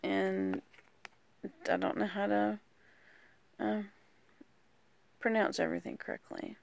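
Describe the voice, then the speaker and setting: A woman casually walking through a deck of oracle cards, rambling and hesitant with lots of pauses. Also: mid-range voice, steady tone, vocal fry. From rural United States. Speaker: vlogger. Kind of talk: casual card walkthrough.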